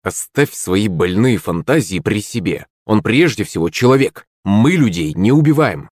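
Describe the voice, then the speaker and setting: A man voicing an earnest, calm henchman. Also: lowish voice, moderate pace, dry recording, clean studio sound.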